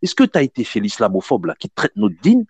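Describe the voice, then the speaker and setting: A man argues in French suburban street slang, fast and repetitive, pressing his point again and again. His pitch swings widely, and the sound is close and dry. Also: wildly swooping pitch, vocal fry, darkish tone, breathy edge, dry recording. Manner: insistent, repeats phrases. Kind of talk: heated casual debate on a livestream.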